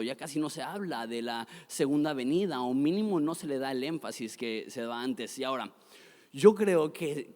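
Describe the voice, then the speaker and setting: Young male pastor, chatty and joking sermon, long hall echo. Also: fairly high pitch. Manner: casual, joking preacher with laughs and restarts.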